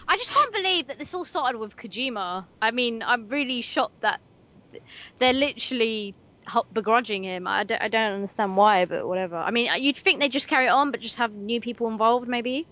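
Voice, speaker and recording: A woman's voice: fairly high pitch, expressive, a little fast, sharp tone. A woman co-hosting a casual podcast, making blunt, quippy comments. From United Kingdom. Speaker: podcast co-host. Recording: dull lo-fi sound.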